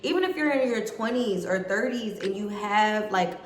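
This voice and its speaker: A woman's voice: mid-range voice, animated, moderate pace, reverberant, a little hiss or hum. Earnest young woman giving advice. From United States. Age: 20s. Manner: earnest, conversational, addresses viewers as guys. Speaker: vlogger. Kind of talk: casual advice chat to camera.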